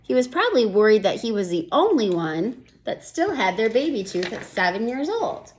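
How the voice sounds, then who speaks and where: Slight background noise accompanies a woman with a somewhat high voice, reading a children's picture book at normal speed. Her reading is gentle and expressive, with teacher-style pauses to think aloud.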